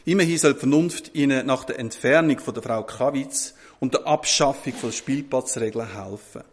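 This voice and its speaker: A man, telling a parable in a sermon with a lively, chatty manner. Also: medium pitch, moderate pace, a little hiss or hum. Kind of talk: sermon storytelling.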